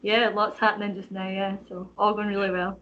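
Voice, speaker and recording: A woman's voice: mid-range voice, little pitch movement, fairly quick, fairly bright tone, a little hiss or hum. Chatty Canadian woman, lo-fi audio. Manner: chatty, frequent "like" and "you know" fillers. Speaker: podcast guest, personal trainer. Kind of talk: casual interview chat.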